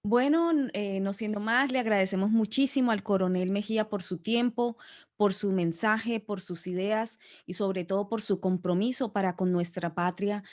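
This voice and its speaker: A woman's voice: mid-range voice, moderate pace, darkish tone. A woman moderating an online discussion, polite and gracious as she wraps up with thanks. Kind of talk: formal closing remarks.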